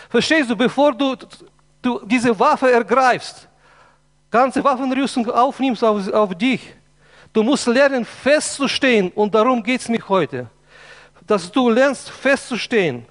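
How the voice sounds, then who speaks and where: High-voiced man preaching in a hall. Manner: impassioned, emphatic preaching with repetitions. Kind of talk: sermon. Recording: long hall reverb.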